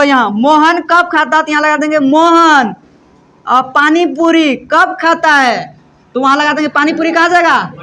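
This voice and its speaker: Man, grammar teacher, sharp bright tone, call-and-response quizzing. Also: extremely high pitch. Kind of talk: classroom lesson.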